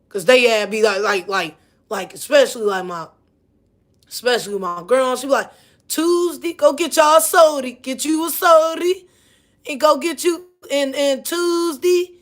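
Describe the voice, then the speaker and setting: A woman vlogger with a Missouri accent rants casually to camera, heated and profane, repeating herself. Her voice sits high and moves at a moderate pace.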